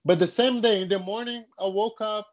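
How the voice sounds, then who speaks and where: A man from Brazil telling a personal story in a casual chat, animated and rising in pitch as he gets excited. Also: fairly quick.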